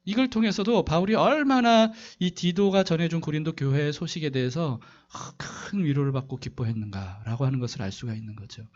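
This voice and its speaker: A man's voice: a little high, fairly quick, hardly any pauses, a little mellow, lo-fi sound. A male pastor preaching a sermon, asking the congregation questions and telling a story to illustrate his point. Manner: asks the congregation rhetorical questions.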